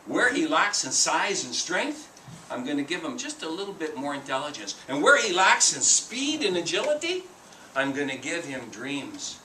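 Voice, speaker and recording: A wise, gentle raven creator spirit, voiced by a man reading aloud, calm and measured. The voice is bright and animated. It is picked up from a distance in an echoey room. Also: fairly high pitch, slight background noise, exaggerated voice. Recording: roomy, distant mic.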